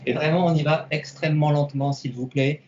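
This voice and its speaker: A karate instructor teaching an online class to camera, giving slow, repetitive cues and counting out the moves. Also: male voice, on the high side, fairly even intonation, darkish tone, a little hiss or hum. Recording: roomy, distant, dull sound.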